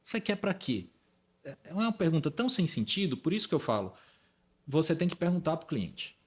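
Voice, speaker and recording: A Brazilian man hosting a casual conversation, telling stories in an animated way and acting out the dialogue. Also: fairly high pitch, a little fast, breathy edge. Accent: Brazilian Portuguese. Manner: animated storyteller, acts out dialogue. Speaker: host.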